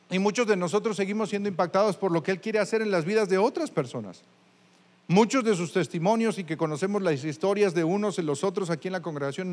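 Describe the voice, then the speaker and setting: Pastor guy preaching, kinda high voice, asks the crowd stuff, big echoey church hall. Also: darkish tone. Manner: conversational preaching, addresses listeners directly with questions. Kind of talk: sermon. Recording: long reverb of a large hall.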